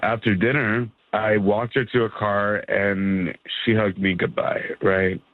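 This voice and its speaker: Halting man on a speakerphone line. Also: lowish voice, flat delivery, dry recording. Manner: halting, stammering. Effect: heard over speakerphone on a phone line. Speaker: radio show caller. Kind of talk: casual phone chat. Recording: tinny phone line.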